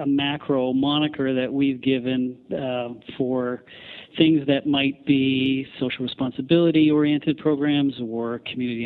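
Canadian guy on a tinny phone line, business guest explaining stuff, halting n measured. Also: medium pitch. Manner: halting, measured corporate jargon. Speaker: company founder, interview guest. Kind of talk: explanatory interview talk.

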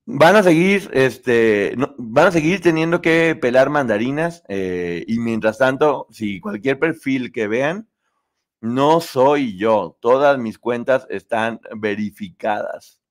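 A man's voice: mid-range voice, lively intonation, slow pace. Chatty Mexican man hosting a live stream. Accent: Mexican Spanish. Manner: chatty, laughs often, talks to viewers. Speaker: host. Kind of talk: live-stream chat reading comments.

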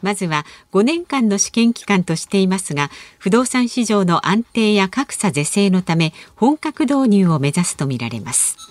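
A woman announcer in a dry, close studio sound. She reads news and chats in a lively voice that rises and falls, brisk and gently teasing as she moves the show along. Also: medium pitch, dry recording. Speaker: radio announcer and co-host. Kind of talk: radio announcing and chat. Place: radio studio.

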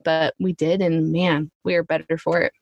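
A woman's voice: deep voice, flat delivery, normal speed, no room sound, highs cut off. Woman guest, chatty, lots of likes and ums, dry close sound. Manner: chatty, many likes and ums, laughs often. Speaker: podcast guest. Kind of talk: casual conversational storytelling.

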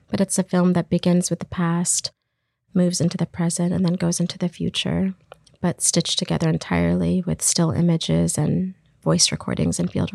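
A woman's voice: on the low side, vocal fry, dark tone, no echo, studio quality. A woman filmmaker talking thoughtfully in an interview, searching for her words as she reflects on her work. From Iraq. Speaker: filmmaker guest.

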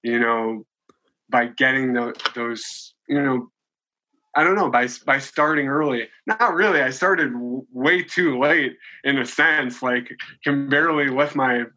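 Poor audio carries a medium-pitched, bright, somewhat pushed voice belonging to a late-twenties podcast guest. He talks unhurriedly and chattily in a casual interview, often restarting and using fillers.

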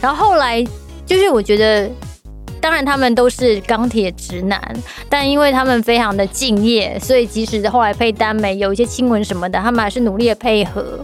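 With a fairly quick, higher-pitched voice, a woman with a Taiwanese Mandarin accent chats casually on a podcast about BL audio drama dubbing. She tells stories in a playful, teasing way while music plays behind her.

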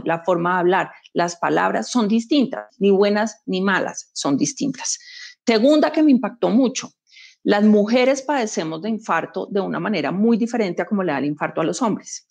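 A woman executive guest in an interview, talking at a middle pitch. She argues emphatically, leaning on everyday anecdotes and rhetorical questions to drive her points home. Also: a little mellow. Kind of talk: conversational interview.

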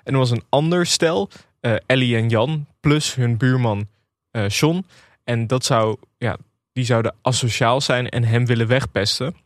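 Podcast co-host, male, relaxed storyteller, dry close mic. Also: mid-range voice, unhurried, no room sound. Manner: easygoing storyteller, many fillers. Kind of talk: casual chat, retelling a TV episode.

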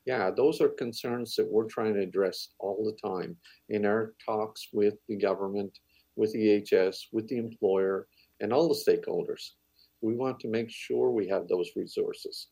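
A man with a Cape Breton accent giving earnest, measured interview answers as a veteran paramedic. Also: fairly low pitch, steady tone, creaky, warm tone, breathy edge, no echo, poor audio. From Cape Breton, Canada. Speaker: veteran paramedic and union manager.

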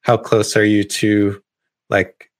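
This male interviewer takes his time, asking lengthy, casual questions crowded with fillers. He speaks slowly in a slightly low voice that stays laid-back and chatty.

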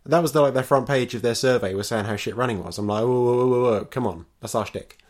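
A man's voice: medium pitch, quick pace. A man hosting a podcast with a dry, sardonic humor. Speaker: podcast host. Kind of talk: casual chat.

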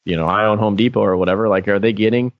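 A man's voice: lowish voice, fairly even intonation, rapid-fire, no room sound, lo-fi sound. A man co-hosting a podcast in casual chat, rambling and filling his sentences with "like". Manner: rambling, peppered with "like". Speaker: podcast co-host.

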